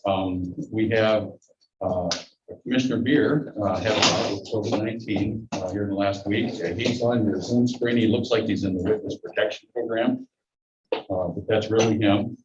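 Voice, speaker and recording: A man's voice: lowish voice, steady tone, normal speed, noisy background. A man chairing a public board meeting, his voice muffled through a face mask, running the agenda with dry asides. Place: meeting room. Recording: dull echoey room recording from a distance.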